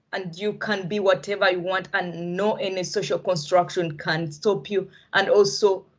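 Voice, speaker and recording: African-accented woman speaking in earnest. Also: mid-range voice. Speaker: participant in an online arts event discussion. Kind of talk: spontaneous spoken reflection.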